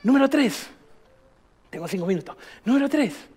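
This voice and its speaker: A man's voice: extremely high pitch, big pitch swings, normal speed, a little mellow, slightly rough. A man, a pastor preaching emphatically to a church, firing off rhetorical questions. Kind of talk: sermon.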